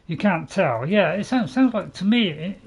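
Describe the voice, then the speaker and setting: A man's voice: high voice, expressive, normal speed, vocal fry, a crowd in the background. A man giving casual gameplay commentary in a hesitant, chatty, repetitive way. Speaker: game streamer.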